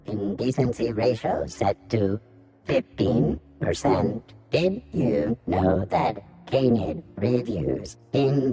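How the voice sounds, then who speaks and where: A deadpan robot bartender announcing its protocols as it boots up in a video game. The delivery is slow and mechanical, with a gravelly edge. Its pitch still swings widely between phrases. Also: male voice, exaggerated voice. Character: robot bartender unit running programmed banter. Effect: robot voice booting up and loading protocols.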